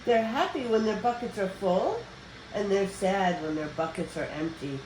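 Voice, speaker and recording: With a mid-range voice, an older woman narrates a children's picture book as a storyteller would, phrasing things expressively and deliberately for a young audience. The sound is roomy, with echo and background noise.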